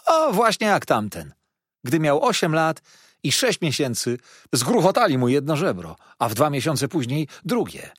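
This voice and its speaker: A man's voice: on the high side, huge pitch swings, normal speed, a bit bright, slightly rough, no echo, studio quality, pitched above the performer's own voice, full character voice. A man voicing a chatty, boastful young inn waiter in an audiobook, jovial and teasing. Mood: gloomy, ominous. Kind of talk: audiobook character voice.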